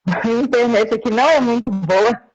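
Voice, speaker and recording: A woman speaking as a guest in a live interview, heard through a choppy, breaking-up call line, talking in a slow, measured way. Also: on the high side, a little mellow, slightly rough. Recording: dull lo-fi call audio.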